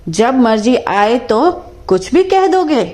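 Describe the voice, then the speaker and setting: A woman's voice: a little high, very animated, slow pace, darkish tone, voice pushed up. A woman voicing a bold, fierce older mother-in-law who scolds and gives orders in a cartoon story. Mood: scolding. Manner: scolding and commanding.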